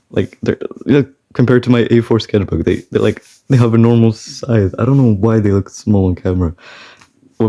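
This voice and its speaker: Rambling young man, low mellow voice. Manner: rambling, self-interrupting, laughs often. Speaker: artist vlogger. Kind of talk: casual chat.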